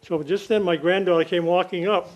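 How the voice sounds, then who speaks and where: Older man with a high-pitched voice, telling anecdotes. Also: fairly even intonation, fairly quick, noisy background. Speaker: audience member telling a story. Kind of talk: humorous anecdote told to a group.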